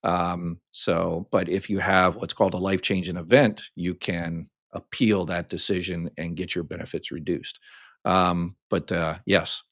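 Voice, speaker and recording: In this live Q&A chat, the host is an older American man whose voice is deep and very low. He takes viewer questions unhurriedly and rambles comfortably through step-by-step explanations full of ums and false starts. The recording sounds close and dry, with little reverb.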